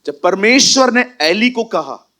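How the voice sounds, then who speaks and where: A male pastor preaching a sermon in a church hall, animated and emphatic, often slipping English phrases into his talk. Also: sits high, unhurried.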